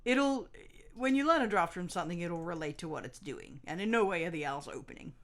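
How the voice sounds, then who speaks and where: A woman's voice: lowish voice, animated, a little fast. A woman co-hosting a let's play, teasing and giving hints in casual chat. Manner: teasing, laughs often, gives hints.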